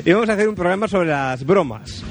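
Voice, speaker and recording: Lively self-mocking male radio co-host. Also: high voice, fast, loud music behind the voice. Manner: wry, self-mocking, laughs often. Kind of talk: casual radio banter.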